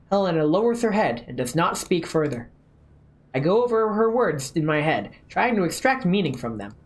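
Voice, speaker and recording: A woman streams a story game, reading narration aloud with casual asides. Her voice sits at a medium pitch and swings widely in intonation.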